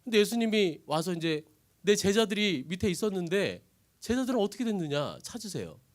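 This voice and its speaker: A man preaching a lively sermon, retelling a story and asking his listeners questions. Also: high voice, a little fast. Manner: animated, asks the audience questions.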